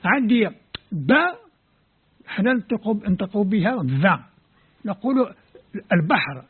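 In a high, sing-song voice with a little hiss or hum, a man speaks at an unhurried pace. He is a Kabyle-native scholar from Algeria explaining things in Arabic with an Algerian accent, breaking letters and words down step by step. Tinny, phone-like lo-fi sound.

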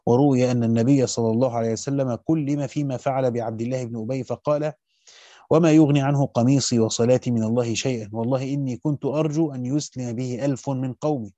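A male teacher reads a Quran commentary aloud in fast, scholarly fashion, adding brief comments on the classical text. His mid-range voice sounds dull and dry with no echo, keeping a rapid, steady recitation that slows to stress key words.

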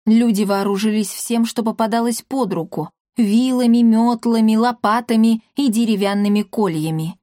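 A woman's voice: fairly high pitch, mellow, no echo. Woman narrating a storybook, dry sound. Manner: measured storytelling. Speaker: audiobook narrator. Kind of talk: scripted narration.

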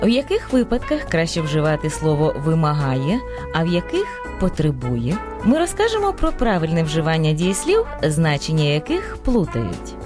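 A woman's voice: deep voice, huge pitch swings. Woman co-hosting a radio language show. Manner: clear, measured explanatory delivery. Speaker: radio program co-host. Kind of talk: scripted radio reading. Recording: dry radio studio with faint music.

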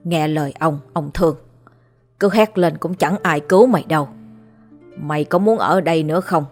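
A woman's voice: sits low, moderate pace, soft background music. A woman voicing a coarse domineering old landlord. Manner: gruff, commanding, slurred.

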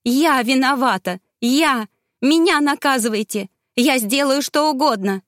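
A woman voicing a defiant young noblewoman who cries out and pleads in a high, loud voice in an audiobook. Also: measured pace, dry recording, clean studio sound. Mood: pleading.

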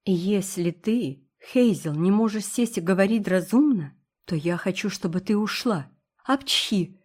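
A woman voicing a calm, wry young woman who speaks in a firm, dry way. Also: medium pitch, normal speed, husky, natural voice. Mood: stern.

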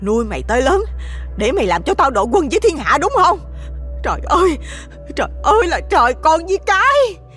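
Actress voicing an angry middle-aged mother, shrill scolding, voice swings high and low, lively delivery. Audio drama. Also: fairly quick, soft background music. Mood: furious.

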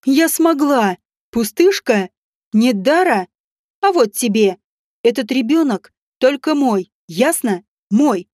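A woman reads a desperate empress in a fantasy audiobook, her voice on the higher side and charged with emotion. She pleads and shouts in turn, recorded close and dry. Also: normal speed, no echo, lightly acted. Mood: triumphant. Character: distraught empress, desperate and defiant.

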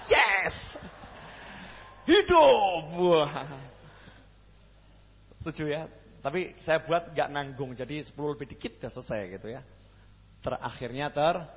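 In a mosque hall, a man with a Javanese accent preaches a lively sermon, constantly questioning the crowd and cracking jokes. His voice is fairly high and slightly rough, and the dull audio carries a long reverb tail.

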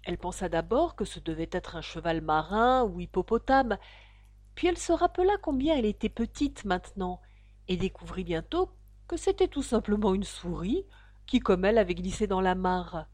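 A woman narrating a storybook aloud with expressive, storytelling delivery. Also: medium pitch, normal speed, dry recording. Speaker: reader. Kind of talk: audiobook narration.

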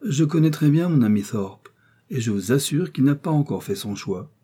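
A man voicing a polite, wealthy gentleman who speaks calmly and reassuringly, in a storybook reading. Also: medium pitch, moderate pace, breathy edge, pitched above the performer's own voice. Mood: courteous. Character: courteous wealthy older gentleman, calm and reassuring.

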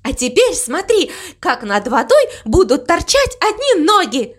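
A woman's voice: sits high, sing-song, slow pace, full character voice. A woman voicing a jubilant, carefree cow mother in a storybook reading, gushing with delight. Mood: eager.

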